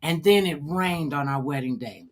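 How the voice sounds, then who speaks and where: A middle-aged woman hosting a talk show, telling a story in a casual chat. She acts out the voices of people she quotes and gets loud to make a point. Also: deep voice, normal speed.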